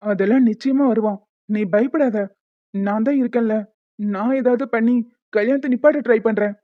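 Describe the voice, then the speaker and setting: A woman with a fairly high voice gives calm, reassuring lines in a dramatic cartoon serial. The track is dry and tinny, close to phone quality. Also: moderate pace, no echo. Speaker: voice actor in animated serial.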